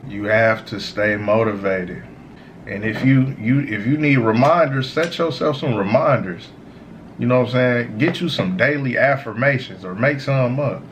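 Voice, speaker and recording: A man's voice: medium pitch, normal speed, a little hiss or hum, low-quality recording. Stoned man, meandering motivational talk. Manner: repeats "you know" tags, informal slangy phrasing. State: high on cannabis. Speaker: host of a smoke session series. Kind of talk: casual motivational monologue.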